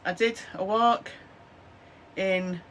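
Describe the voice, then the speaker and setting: Talking casually to the camera on her desk, this fifty-something crafter from Lancashire meanders along with plenty of "um, so yeah," her voice hoarse and interrupted by a chesty cough. She speaks extremely slowly in a mid-range, fairly bright voice with fairly even intonation, over slight background noise.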